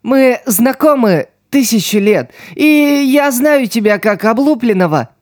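A man reading an audiobook voices a wounded, tough street girl who speaks weakly and slowly. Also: extremely high pitch, expressive, darkish tone, no echo, studio quality, voice pushed up. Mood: weak, resigned. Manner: weak, slow, strained speech.

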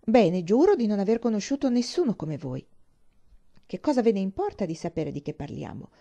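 A woman's voice: medium pitch, very animated, fairly quick, gravelly, mellow. Isabella, gushing young woman, read by a woman. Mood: effusive. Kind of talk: audiobook reading.

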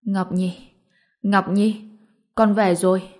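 A woman's voice: mid-range voice, moderate pace, a little mellow, lightly acted. Woman reading a doting elderly mother. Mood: tearful, doting. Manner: anxious, doting questions. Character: elderly mother, fussing and tender. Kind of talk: storybook narration.

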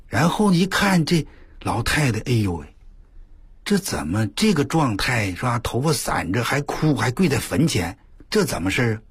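An older man on the radio telling a story in a folksy, animated way, full of exclamations and drawn-out emphasis. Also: mid-range voice, breathy edge, no room sound. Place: radio studio.

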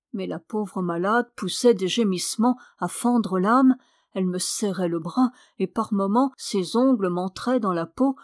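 A woman narrating a novel in a measured, expressive audiobook reading. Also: mid-range voice, no echo, studio quality. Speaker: audiobook reader.

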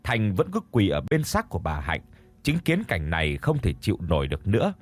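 Expressive male horror story narrator. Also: low-pitched, a little fast. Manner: dramatic, expressive.

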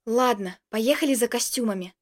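A hotheaded young man in love, jealous and quick to flare up, voiced by a woman reading a story aloud. He talks in heated, insistent bursts, and the voice stays high. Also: lightly acted. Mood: reluctant.

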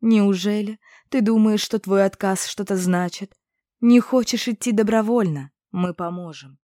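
Sneering witch in blue, mocking and impatient, mellow dry tone, done by a woman reader. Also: medium pitch, measured pace, no room sound, close to an everyday voice. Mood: scornful.

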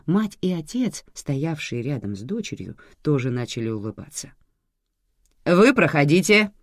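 A storyteller narrating a story in an expressive reading. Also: mid-range voice, moderate pace, no echo, clean studio sound.

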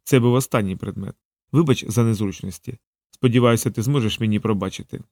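A man reading an audiobook, voicing a calm, mysterious thief who speaks quietly and with detachment. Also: fairly low pitch, fairly quick, no room sound, studio quality, natural voice. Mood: quietly apologetic.

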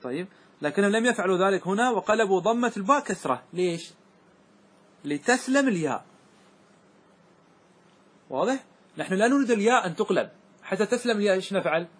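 A man teaching Arabic grammar as a sheikh, walking his class through word forms step by step and asking often whether it is clear. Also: sits high, expressive. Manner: keeps checking that students follow, asking if it is clear; slows and repeats words to stress their forms.

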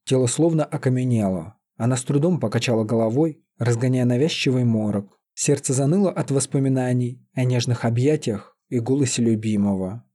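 Husky dark-voiced male narrator. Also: medium pitch, brisk, hardly any pauses. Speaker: audiobook narrator. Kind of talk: scripted narration.

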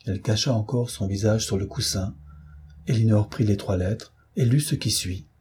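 Husky-voiced male audiobook narrator. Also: lowish voice, normal speed, warm tone. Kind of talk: scripted narration.

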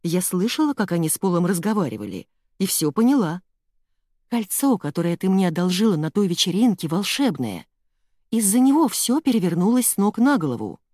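A woman's voice: fairly low pitch, big pitch swings, fairly quick, mellow, no room sound, clean studio sound. A woman reading an audiobook, voicing an aunt who protests insistently.

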